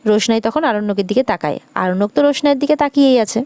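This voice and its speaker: A woman narrating a TV serial episode in a steady storytelling way, quoting each line of the characters. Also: on the high side, very fast, no room sound. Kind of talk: retelling a TV serial episode with quoted dialogue.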